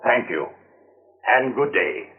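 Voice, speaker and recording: A man's voice: mid-range voice, lively intonation, takes it slowly. A man playing a loony old prospector who declaims verse grandly in an old-time radio drama. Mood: eager, grandiose. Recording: tinny, narrow-band old radio recording.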